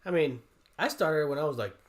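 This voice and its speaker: A man's voice: on the high side, lively intonation, fairly quick. A man hosting a casual livestream interview, answering in brief, easygoing, agreeable remarks. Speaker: livestream host.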